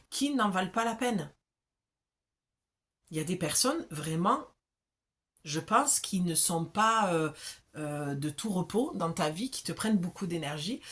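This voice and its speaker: Low-voiced southern French woman reading cards. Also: fairly bright tone. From south of France. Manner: chatty and familiar, with frequent check-ins. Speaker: oracle card reader. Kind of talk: casual spiritual card reading to the viewer.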